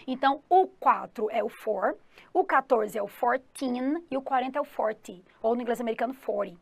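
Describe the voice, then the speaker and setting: A Brazilian woman with a fairly high voice teaches an exam-prep English lesson. She is upbeat and keeps checking in with her listeners. The sound is dry and close, with no room echo. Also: moderate pace, vocal fry. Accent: Brazilian Portuguese. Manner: calls herself 'the teacher' in third person.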